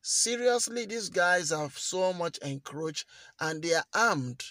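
A man talks straight to his viewers in a fairly high voice, earnest and repeating key lines to drive them home. The sound is dry and close, with no room around it. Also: expressive, takes it slowly, sharp tone, no echo. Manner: earnest, repeats phrases for emphasis. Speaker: news vlogger. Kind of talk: commentary to camera.

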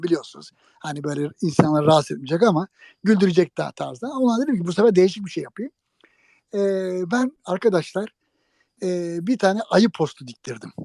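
In a high voice with vocal fry, a guest animatedly relates an old prank to an interviewer, joking and addressing listeners directly. There's no room sound in the recording.

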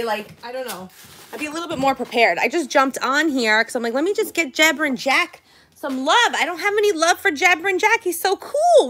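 A woman with a fairly high-pitched voice hosts a casual unboxing vlog. She is chatty and girlish, gushing over the little things she shows. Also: a bit bright, a little hiss or hum. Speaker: toy and candy unboxing host. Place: indoors at home, by a tabletop.

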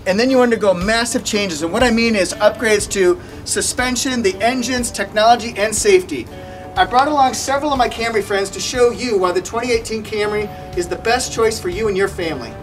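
Enthusiastic middle-aged man presenting cars. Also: high-pitched. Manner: enthusiastic, salesy. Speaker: car reviewer. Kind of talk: upbeat car walkaround presentation. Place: outdoor race track. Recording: music bed under voice.

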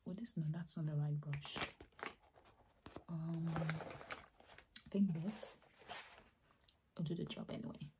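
A woman doing a fast, aggressive ASMR role-play as a makeup artist, mostly soft-spoken with rapid repeated words and slipping into soft speech. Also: deep voice, fairly even intonation, noisy background.

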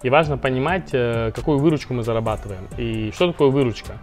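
A man's voice: medium pitch, fast talker, faint music behind. A man, founder of a finance company, explaining money matters in a casual interview with lots of fillers and restarts.

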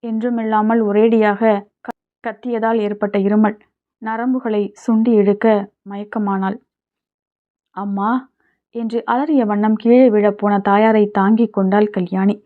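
A woman's voice: medium pitch, little pitch movement, normal speed. Woman reading a story, tinny sound. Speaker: audiobook narrator. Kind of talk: scripted story narration.

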